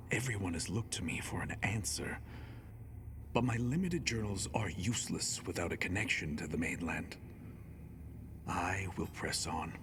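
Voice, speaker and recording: An actor playing a weary small-town doctor in a video game, reading grim private notes in a slow, theatrical, villain-like, sometimes hushed voice. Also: male voice, sits low. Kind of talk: dramatic video game monologue. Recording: strong noise over the voice.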